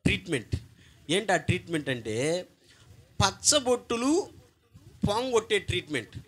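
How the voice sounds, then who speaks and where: Male pastor, high lively voice, bright emphatic sermon delivery, call-and-response. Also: moderate pace, husky. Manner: call-and-response, demanding congregation repeat loudly; emphatic, swings between soft and loud.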